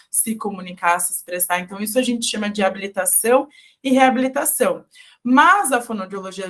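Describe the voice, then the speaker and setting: A woman's voice: mid-range voice, a bit bright. A Brazilian woman, a speech therapist, explaining her field in a didactic radio interview, moving through terms one by one. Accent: Brazilian Portuguese. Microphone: studio radio microphone.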